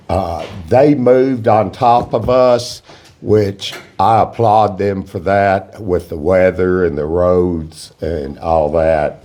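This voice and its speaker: A man's voice: deep voice, warm tone. A man chairing a local meeting, speaking informally to the room and leading prayer.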